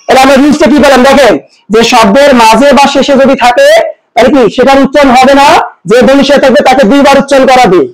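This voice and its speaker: Teacher, man, very high pitch, asks rhetorical questions, repeats rules slowly. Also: fairly even intonation, a loud crowd, poor audio. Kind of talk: pronunciation lesson.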